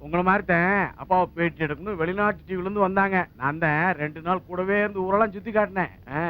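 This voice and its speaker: A man's voice: high voice, fast, natural voice. An actor playing a chatty, teasing male villager. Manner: teasing, bantering. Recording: dull lo-fi film audio.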